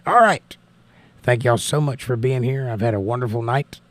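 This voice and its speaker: A man's voice: medium pitch, steady tone, fairly quick, no room sound. Crackly-voiced American man hosting a livestream. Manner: folksy, thanking and blessing listeners. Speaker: livestream host. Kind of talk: casual live chat, reading out viewer messages.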